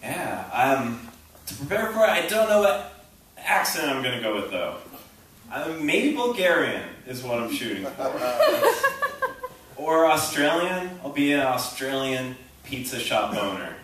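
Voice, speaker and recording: A young man doing a halting, rambling stand-up set, full of ums and self-interruptions, on a small theater stage. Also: medium pitch, sing-song, a bit bright, slight background noise. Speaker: stand-up comedian. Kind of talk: open-mic stand-up set. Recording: echoey room recording from a distant camera.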